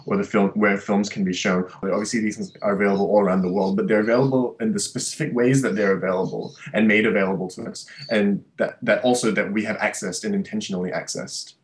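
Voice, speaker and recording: A man's voice: on the low side, steady tone, quick pace, hardly any pauses, poor audio. A young man from Malaysia and Singapore, an artist and social worker, reflecting at length in a small room in front of a webcam, often restarting his sentences. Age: young adult. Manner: thoughtful, with many restarts and fillers. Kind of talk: reflective interview monologue. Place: small bright room indoors. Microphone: webcam at desk.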